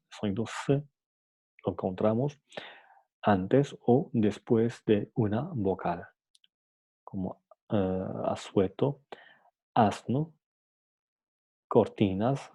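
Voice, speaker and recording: A man's voice: fairly low pitch, vocal fry, warm tone, breathy edge. A man giving a phonetics lesson, hesitant with many fillers and restarts, saying examples aloud and checking in with the listener. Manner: says examples aloud, ends points with "¿no?". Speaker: teacher. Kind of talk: phonetics lecture.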